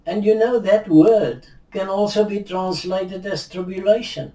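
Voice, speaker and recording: In an unhurried teaching video shot indoors before a virtual backdrop, an older Afrikaans-speaking Bible teacher talks slowly in a mellow, high-pitched voice with fairly even intonation. He is measured and reflective, often restarting and gesturing. A distant mic gives a roomy, faraway echo.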